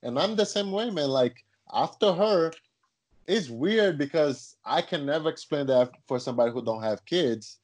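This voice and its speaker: Brazilian guy chatting, tells stories with lots of feeling, voice on the high side. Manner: animated storytelling, rising pitch when excited. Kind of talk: casual chat.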